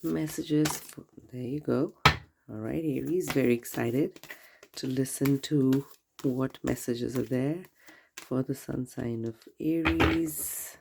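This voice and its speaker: A woman giving a tarot reading straight to the viewer, gentle and reassuring, her voice nasal from a cold and congestion. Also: a bass voice, slow, gravelly, noisy background. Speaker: tarot reader. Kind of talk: casual tarot reading to camera.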